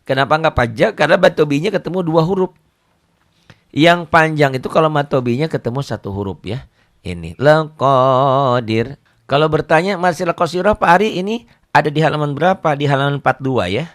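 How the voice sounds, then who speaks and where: Relaxed middle-aged man teaching. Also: a little high. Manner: relaxed, joking, repeats words, recites verses slowly. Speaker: Quran reading teacher. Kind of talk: casual teaching with anecdotes.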